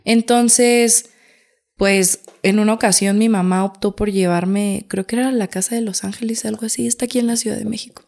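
Mexican woman guest, casual storyteller, lively, acts out the voices in her stories. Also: mid-range voice, normal speed, gravelly. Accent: Mexican Spanish. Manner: lively, acts out quotes, frequent fillers.

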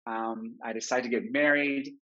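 A man in his forties from Israel, a therapist giving a webinar talk, telling his own story in a candid, reflective way, heard through low quality webinar stream audio. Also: fairly even intonation, moderate pace, a bit bright. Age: 40s. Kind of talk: personal storytelling lecture. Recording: dull lo-fi webinar recording.

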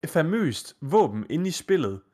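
A man's voice: on the high side, sing-song, a little mellow. Enthusiastic male podcast co-host. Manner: enthusiastic, quick, rambling analysis. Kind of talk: casual chat.

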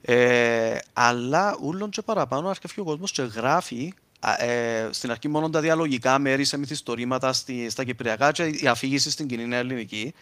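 A man speaks in an informal, explanatory way with a clear Cypriot Greek accent. He moves between dialect and more formal terms as he gives examples. The sound is dry, with very little room in it. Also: mid-range voice, fairly bright tone, no echo. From Cyprus. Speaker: linguist speaker.

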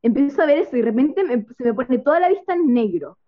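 Young Chilean woman, rambling chatty storyteller, rather high voice. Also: animated, fast. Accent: Chilean Spanish. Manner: rambling, filler-heavy storytelling. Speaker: storyteller guest. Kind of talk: casual chat. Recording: dull lo-fi dry sound.

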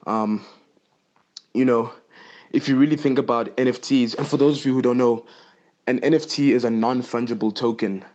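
A man's voice: mid-range voice, fairly even intonation, normal speed, long pauses, a little mellow. A teenage boy, a little out of breath, rambling impulsively as he explains things in a casual podcast monologue recorded on his phone. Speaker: podcast host. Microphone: phone voice note. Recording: dull lo-fi phone voice memo.

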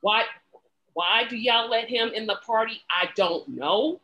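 A woman hosting a casual political talk show, talking in an animated way, often restarting her sentences and adding sarcastic asides. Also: fairly high pitch, unhurried, poor audio. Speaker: podcast host.

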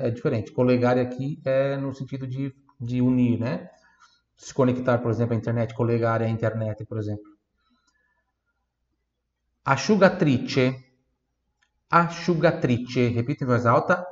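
A man teaches pronunciation in a patient, repetitive way, slowing down to spell each word letter by letter. His voice sits at an everyday middle pitch. The room echoes around him, and the recording sounds a little dull. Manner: patient, drills words slowly, spells letter by letter, frequent "né" and "tá". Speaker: Italian teacher. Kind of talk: online language lesson. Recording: roomy, slightly dull sound.

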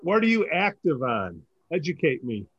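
A man's voice: a little high, big pitch swings, moderate pace, dry recording, muffled recording. A man from New York hosting a casual interview chat, cracking jokes as he asks his questions. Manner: joking, wisecracking. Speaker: show host.

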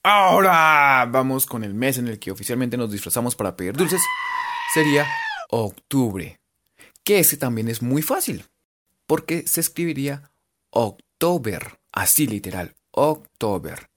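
A language teacher with a Colombian accent giving a playful lesson, spelling words letter by letter and stretching out words to sound them out. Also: mid-range voice. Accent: Colombian Spanish. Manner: animated, drawn-out sounding-out of words.

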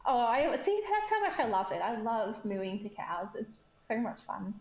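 A woman chats on a podcast, excitable and often breaking into laughter. Her voice sits a little high. The recording carries a noticeable room echo. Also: moderate pace. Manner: giggly, excitable. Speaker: podcast co-host. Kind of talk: casual chat. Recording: echoey room.

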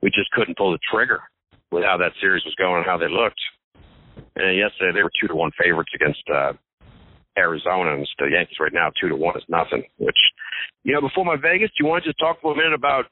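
A man's voice: deep voice, lively intonation, quick pace, dry recording. A man calling in to a casual podcast chat as a regular co-host, talking in a rambling, joking way and stammering now and then. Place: Las Vegas hotel. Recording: tinny phone line, dry.

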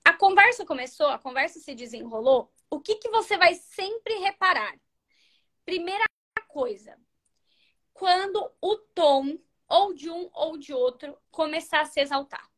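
A Brazilian woman in her thirties hosting a live stream, giving relationship advice in an animated, chatty way, acting out sample lines and sometimes dropping to a near-whisper. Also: very high-pitched, unhurried. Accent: Brazilian Portuguese. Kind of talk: casual advice talk to viewers.

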